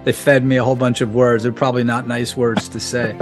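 A man's voice: medium pitch, level tone, fast talker, over music. An American man speaking as a guest journalist in a casual interview, often restarting his words and laughing. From United States. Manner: stammering restarts, frequent laughs.

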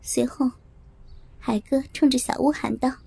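A woman narrating a first-person audiobook story in a smooth, confiding way. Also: sits high, fairly even intonation, unhurried, warm tone, a little hiss or hum.

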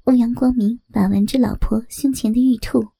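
A woman reading a story aloud as narrator in a soft, even voice. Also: a little high, normal speed, gravelly, husky, dry recording, clean studio sound. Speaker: audiobook narrator.

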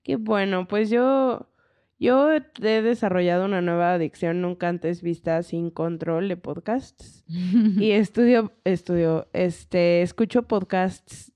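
Mellow-voiced Mexican woman telling stories. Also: fairly low pitch, slow pace, smooth. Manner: animated storyteller who acts out quoted voices. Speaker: podcast co-host. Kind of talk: casual chat, storytelling.

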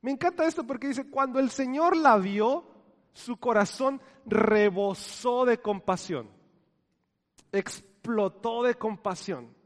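Man, pastor preaching, high voice, long hall reverb, hushed lines then loud swells. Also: takes it slowly. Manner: dynamic preaching, drops to soft near-whispers and swells loud again; asks the congregation questions and has them repeat words. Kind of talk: sermon.

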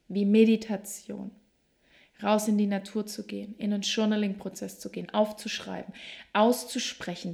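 A woman hosting a self-help podcast, talking straight to the listener in a reflective monologue, slow and emphatic in places. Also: mid-range voice, a little mellow. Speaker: podcast host.

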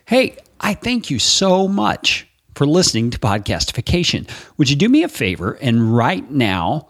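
A man hosting a podcast, his voice carrying an echoey room sound, talking in a plain conversational way. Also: on the high side. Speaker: podcast host. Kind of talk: interview and podcast sign-off.

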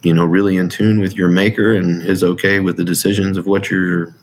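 A man's voice: low-pitched, little pitch movement, fairly quick, a little hiss or hum. A man speaking as an interview guest in a casual, earnest, informal way, circling back over phrases as he gives personal testimony. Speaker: interview guest, military veteran.

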